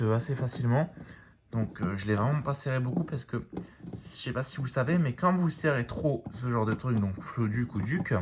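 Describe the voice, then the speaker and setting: A man giving a casual show-and-tell of a lamp, talking in a relaxed, rambling way full of fillers and restarts. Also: mid-range voice, background noise. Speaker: lamp collector showing a fixture.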